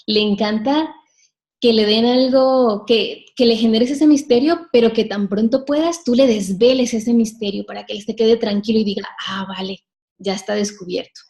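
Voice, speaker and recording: A woman leading a live sales workshop, talking straight to her audience with frequent questions and shifting her pace and loudness to stress points. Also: fairly high pitch, steady tone, normal speed. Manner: addresses the audience directly with frequent rhetorical questions. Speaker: sales trainer.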